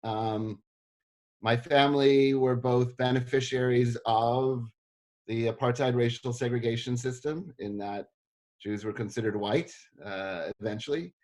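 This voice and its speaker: A middle-aged man from South Africa answers interview questions in a relaxed, self-deprecating way. His voice sits at an ordinary middle pitch, and his talk is loose and full of ums and uhs. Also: measured pace. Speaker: history professor interviewed.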